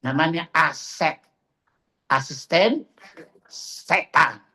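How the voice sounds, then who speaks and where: A man's voice: on the high side, lively intonation, very slow, sharp tone, husky. A middle-aged man preaching in a religious study class, firing rhetorical questions at his listeners in a mocking, combative manner.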